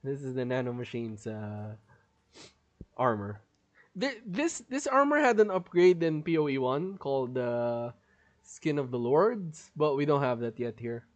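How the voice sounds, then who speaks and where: A man of medium pitch and sing-song delivery provides unhurried live gameplay commentary. Chatty and quick to laugh, he explains his build in detail. His voice is strained, and he's holding in a cough.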